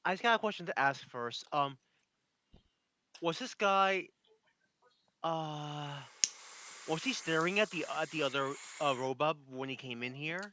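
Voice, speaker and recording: A man's voice: fairly high pitch, unhurried, long pauses, pushed and bright. A man playing a tabletop game, putting questions in casual table-talk. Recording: slightly noisy mic with clicks.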